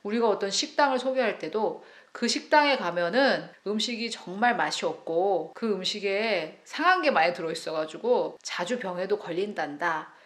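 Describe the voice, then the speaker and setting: A woman preaches a devotional sermon at a medium pitch. She speaks earnestly and keeps asking her listeners rhetorical questions. When she acts out someone else's words, her voice jumps into loud outbursts. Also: moderate pace, hardly any pauses.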